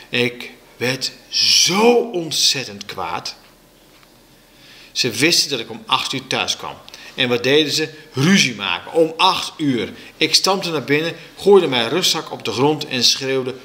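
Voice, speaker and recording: Slow, expressive male storyteller. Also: mid-range voice. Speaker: reader of a children's book. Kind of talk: reading aloud a children's story.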